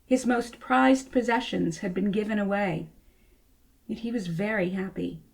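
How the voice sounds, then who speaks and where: A woman reading to children as a storyteller, with expressive narration. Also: mid-range voice, a little slow, vocal fry, husky, poor audio. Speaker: storybook reader.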